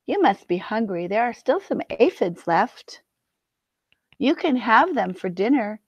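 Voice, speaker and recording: Woman doing a friendly gentle ladybug. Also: fairly high pitch, sing-song, unhurried, breathy edge, no room sound, exaggerated voice. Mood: kindly. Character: kind friendly female ladybug, generous and gentle. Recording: dull dry recording.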